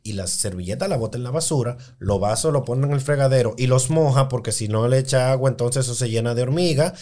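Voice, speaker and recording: A man, co-hosting a podcast, telling stories in a rapid, insistent way. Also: medium pitch, mellow. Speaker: podcast co-host. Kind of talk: casual chat.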